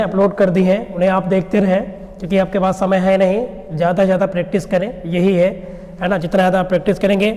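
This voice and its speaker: High-voiced male teacher in a reverberant room. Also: darkish tone. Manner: explains step by step, asks rhetorical questions and answers them; checks in with "है ना" and "ठीक है ना". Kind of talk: exam-prep lecture.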